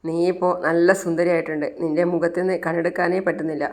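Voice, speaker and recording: A doting young groom who fusses over his bride and praises her, read by a woman narrator. The voice is soft and fairly low. It stays close to a plain reading voice. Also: flat delivery, fast talker, lightly acted. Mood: fond.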